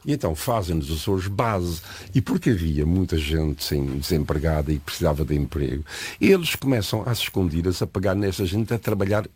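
Deep husky older man. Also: fairly quick, a little mellow, no echo. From Azores, São Miguel. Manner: digressive, reflective, lecturing. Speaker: interview guest. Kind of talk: conversational storytelling interview.

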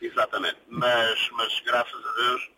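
A man's voice: medium pitch, flat delivery, measured pace, bright, forceful tone, slightly rough, low-quality recording. A man from Portugal, a truck driver calling in to a radio show, talking casually and often stumbling over repeated words. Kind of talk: casual phone-in chat.

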